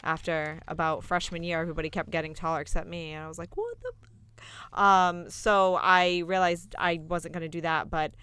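A woman's voice: fairly low pitch, little pitch movement, normal speed, fairly bright tone, clear, resonant tone. A woman from Massachusetts, a family lawyer and podcast guest, talking in a confident, self-assured casual chat and laughing easily.

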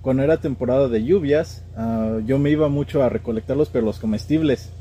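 As a podcast guest, a young man with a central Mexican accent from the State of Mexico spins casual, slangy conversational stories. His mid-range voice is mellow and fairly quick, with slight background noise.

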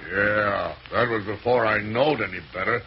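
A man's voice: fairly low pitch, natural voice. An actor playing a dim, reluctant, folksy henchman in an old radio serial, stammering and ungrammatical. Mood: dim, compliant. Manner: slow-witted, stammering, ungrammatical. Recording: muffled, hissy old radio broadcast.

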